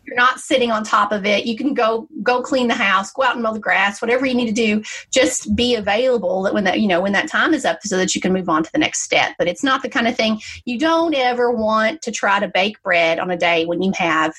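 Chatty husky-voiced woman giving tips. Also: brisk, few pauses, fairly bright tone. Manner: chatty storyteller, acts out quotes in a higher voice. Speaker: baking guest giving tips. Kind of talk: casual conversational advice.

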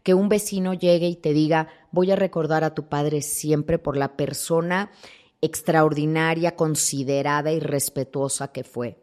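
A woman with a somewhat low voice talks as a thanatologist in a podcast interview. She explains warmly but firmly, slipping into little acted voices when she quotes people. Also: measured pace. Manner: expressive, acts out quoted voices. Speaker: thanatologist guest. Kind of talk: interview conversation.

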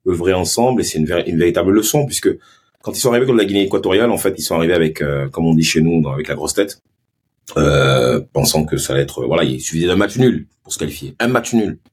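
A man with a Marseille accent talks in a casual podcast interview. His voice sits deep and low, with a husky grain. He tells stories in a lively, animated way, stumbling over restarts as he goes. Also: fast. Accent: Marseille French. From Ivory Coast and Marseille. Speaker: guest, former pro footballer turned sports marketing agency head.

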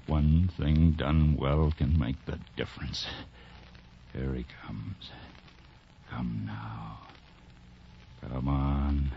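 Wounded dying soldier in old radio drama, super deep, slow halting muttering, in pain, dull recording. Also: male voice, fairly even intonation, creaky, a little hiss or hum, exaggerated voice. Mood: tense, determined. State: in pain, straining. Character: wounded dying male soldier, grim, urging himself on. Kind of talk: 1940s radio drama acting.

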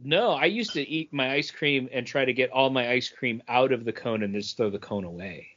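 Chatting casually as a podcast co-host, a man uses a mid-range, fairly bright voice at a moderate pace. The podcast audio is somewhat dull and lo-fi.

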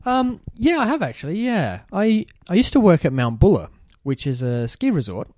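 Lively Australian man bantering playfully. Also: high-pitched, slight background noise. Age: young adult. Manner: playful banter, quick jokes. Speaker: podcast co-host. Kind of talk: casual chat.

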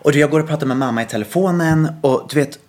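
Animated man telling a podcast story. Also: fairly high pitch. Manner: animated retelling with quoted dialogue and many restarts. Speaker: podcast host.

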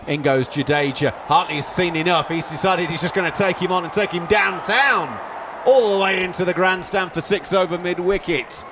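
A man calling live cricket as a commentator, in punchy, excitable short phrases. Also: high-pitched, normal speed, background noise. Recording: loud crowd over broadcast commentary. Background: loud stadium crowd.

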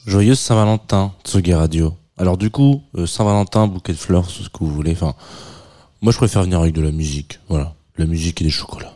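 A man's voice: deep voice, a little fast, warm tone. A man hosting a casual morning radio show, rambling and correcting himself with a joking, offhand manner. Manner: rambling, self-correcting, jokey. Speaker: radio host.

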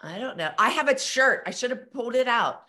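A woman's voice: fairly high pitch, animated, brisk, sharp tone. A middle-aged woman from Pittsburgh with a strong Pittsburgh accent, chatting and telling stories as a podcast co-host. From Pittsburgh, USA. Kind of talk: casual chat.

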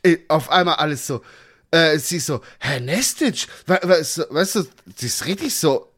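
A man co-hosting a casual podcast chat, his voice sitting a little high. He rants animatedly through his stories and throws in plenty of slang and swearing. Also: moderate pace, a bit bright. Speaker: podcast co-host.

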